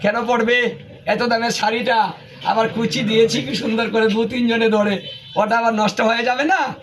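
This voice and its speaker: A man's voice: very high voice, fairly even intonation, normal speed, fairly bright tone, slight background noise. A male preacher giving a devotional sermon, emphatic and full of rhetorical questions.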